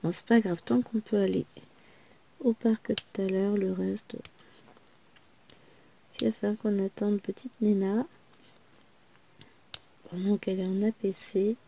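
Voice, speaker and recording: A woman's voice: medium pitch, fairly even intonation, measured pace, creaky, pauses often, warm tone, slight background noise. A woman vlogger chatting casually to her viewers in a rambling way, her voice still breaking now and then after she lost it. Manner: rambling, chatty, many small asides.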